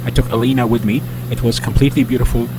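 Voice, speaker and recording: Man vlogging over clear background noise. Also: mid-range voice, flat delivery, rapid-fire. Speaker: vlogger introducing a flight video. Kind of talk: casual video intro to camera. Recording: clearly noisy, humming outdoor background.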